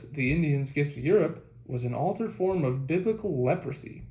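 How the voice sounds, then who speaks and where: In an echoey room, a man reads a nonfiction history book aloud as scripted audiobook narration. His voice is a little high and mellow.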